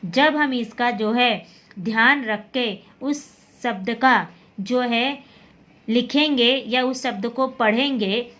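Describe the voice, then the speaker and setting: A woman's voice: fairly high pitch, slow, fairly bright tone, lo-fi sound. A woman teaching Hindi letters, patiently repeating words and checking understanding as she goes. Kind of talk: slow classroom explanation.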